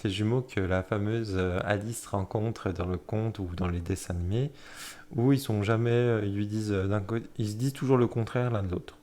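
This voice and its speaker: A man casually flipping through a tarot deck, talking in a hesitant way with many fillers and self-corrections, often pausing to admire a card. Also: lowish voice. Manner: admiring, soft-spoken commentary.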